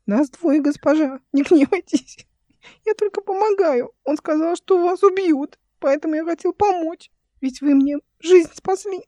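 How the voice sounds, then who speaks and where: A woman doing a squeaky, pleading little boy. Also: a little slow, warm tone, no echo. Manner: high squeaky pleading, breathless. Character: frightened small boy servant, pleading and timid. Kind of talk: audiobook character voice.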